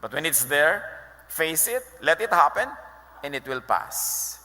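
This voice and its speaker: A male pastor giving an animated sermon, switching between Tagalog and English and quoting scripture. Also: fairly high pitch, takes it slowly. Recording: echoey hall with long reverb.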